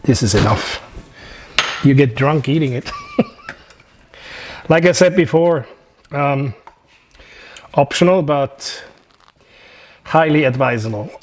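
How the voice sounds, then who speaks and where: A man's voice: medium pitch, takes it slowly, pauses often, slight background noise. A man with a Swiss accent, a chef chatting and joking through a cooking demonstration in his home kitchen. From Switzerland. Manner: chatty, joking, relaxed instructions.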